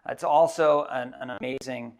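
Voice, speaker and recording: Speaking in a steady, medium-pitched voice, a man in his thirties delivers a keynote built on reflective personal storytelling, frequently pausing with fillers.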